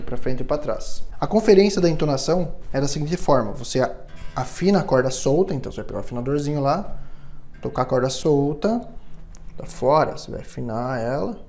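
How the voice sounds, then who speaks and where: A man's voice: on the high side, darkish tone. Patient man teaching guitar setup. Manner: patient, explanatory, checks in with "tá?" and "né?". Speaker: guitar luthier instructor. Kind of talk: step-by-step instrument setup tutorial.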